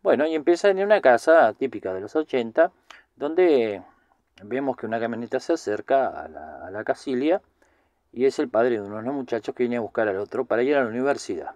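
Male film commentator, Rioplatense accent, mid-pitched, rambling casual recap, dry room. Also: lively intonation, a little fast, a little mellow, dry recording. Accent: Rioplatense Spanish. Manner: rambling, chatty, many filler words.

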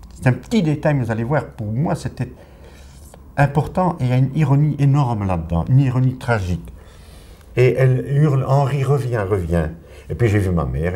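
Elderly Belgian man, low dark voice. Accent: Belgian French. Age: 80s. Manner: vivid storytelling, acting out quoted voices. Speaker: Holocaust survivor witness. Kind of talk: spoken testimony to young listeners.

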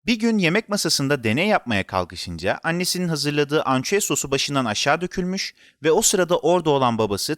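Animated male storyteller. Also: fairly high pitch, dry recording, studio quality. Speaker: narrator. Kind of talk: scripted children's story narration.

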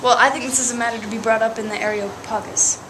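A woman playing a commanding male god who speaks slowly and sternly. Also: on the high side, steady tone, noisy background, lightly acted. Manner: slow, stern, declaiming.

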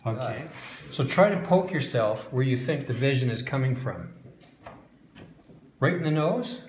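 A man's voice: mid-range voice, lively intonation, a little slow. Patient man guiding a demonstration, roomy echo. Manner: patient, prompting questions. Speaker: instructor leading a blindfold exercise. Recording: roomy echo, faint background hiss.

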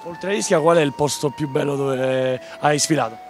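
Higher-pitched man interviewing on location. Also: moderate pace. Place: outdoor street at night. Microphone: handheld interview microphone. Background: music.

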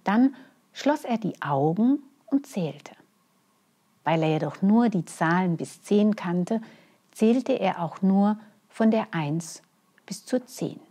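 A woman storyteller reading a children's bedtime story, gently and expressively, with hushed phrase endings. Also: mid-range voice, expressive, takes it slowly, breathy edge.

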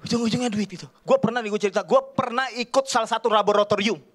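A man from Kalimantan, in his thirties, performing stand-up on a television studio stage. His voice sits high for a man, and he talks in an animated, rambling way, full of casual slang. He speaks into a handheld mic. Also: fast talker. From Kalimantan, Indonesia. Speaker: stand-up comedian. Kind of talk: stand-up comedy set. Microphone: handheld microphone.

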